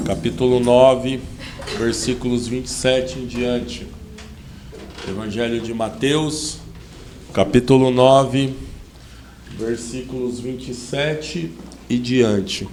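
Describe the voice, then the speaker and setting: A man's voice: mid-range voice, steady tone, a little mellow, slight background noise. Earnest man preaching in an echoey hall. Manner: prays slowly, then preaches with rising fervor. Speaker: lay preacher. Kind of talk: sermon. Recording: echoey room with faint ambience.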